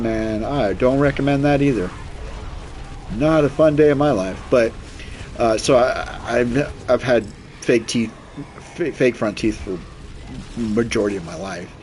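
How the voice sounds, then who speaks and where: A man in his forties with an average-pitched voice chats loosely as he streams a game. He rambles from story to story in an informal, blunt way, quoting people as he goes. There is noticeable background noise behind him. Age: 40s. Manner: rambling, animated retelling with quoted dialogue and swearing. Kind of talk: casual chat while playing a video game.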